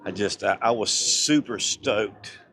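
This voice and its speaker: A man vlogs live from an outdoor theme park at night, excited and slightly out of breath as he rambles between greetings to passersby. His voice sits on the low side and his speech is slow and drawn out. Park music plays clearly behind him on the phone recording. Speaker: live-stream vlogger. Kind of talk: casual walking live-stream chat.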